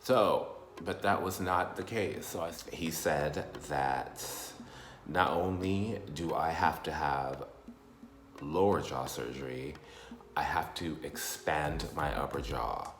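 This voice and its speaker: A man giving a casual, rambling personal update in halting explanations with repeated words. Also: very deep voice, roomy sound, soft background music. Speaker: vlogger.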